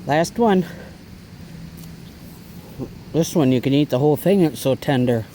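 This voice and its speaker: A man's voice: a little high, animated, measured pace, dark tone, a little hiss or hum, poor audio. A man casually talking through an outdoor cooking vlog, chatty and easygoing while he eats and cooks by a fire. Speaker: bushcraft vlogger.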